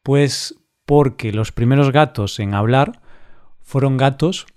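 A man from co-hosting a casual podcast for language learners, talking slowly and clearly and laughing often. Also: mid-range voice, a little mellow. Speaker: podcast co-host.

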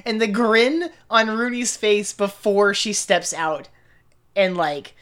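A woman with a mid-range voice speaks at a slow pace as a fan podcast co-host. She chats casually and enthusiastically in a millennial style, sprinkling in "like" often.

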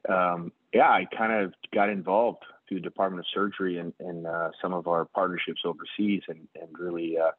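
A man in middle age, a surgeon turned hospital executive, speaks in a very deep voice. He reflects on each answer as he goes, pausing with fillers and circling back on himself. His voice comes dry and thin, as over a phone line. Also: dry recording. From United States. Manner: thoughtful, many fillers and restarts. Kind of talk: conversational interview answers.

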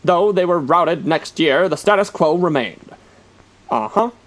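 High-voiced man doing wry newsreel narration. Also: animated, unhurried, a bit bright. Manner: dry, wry, announcer-like. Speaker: radio show host. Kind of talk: comic mock-newsreel narration.

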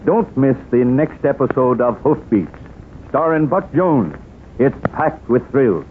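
A man's voice: mid-range voice, expressive, unhurried. An American man in the manner of an old radio announcer, reading a scripted show narration. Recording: tinny, noisy vintage radio recording.

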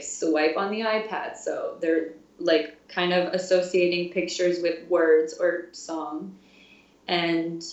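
A woman's voice: lowish voice, dull audio. Chatty young woman, roomy distant sound. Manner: chatty, laughs often, filler-heavy. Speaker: guest, music therapy intern. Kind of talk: casual interview chat.

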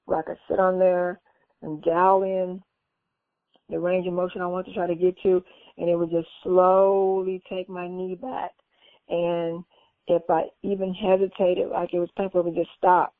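A woman recounts her recovery in casual, conversational storytelling, lively and earnest. Her voice sits on the lower side for a woman, and she jumps up in pitch to act out the people she quotes. The sound is dry and thin, like a call over a phone line. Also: dry recording. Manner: animated, acts out quoted dialogue in a raised voice. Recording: tinny phone-line audio.

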